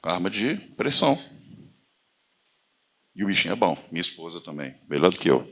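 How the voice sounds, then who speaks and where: Gravelly deep-voiced Brazilian man. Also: normal speed. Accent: Brazilian Portuguese. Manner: animated storytelling, acting out quoted voices. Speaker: event speaker. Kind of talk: conversational talk at a live event.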